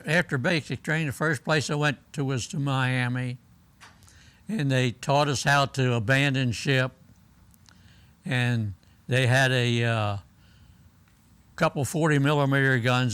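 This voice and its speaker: Slow-talking elderly American veteran, remembering. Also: male voice, medium pitch, a bit bright, clean tone, no echo. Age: elderly, 80s or older. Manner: old veteran remembering, halting, plain-spoken storytelling. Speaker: war veteran being interviewed. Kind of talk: unscripted oral-history reminiscence.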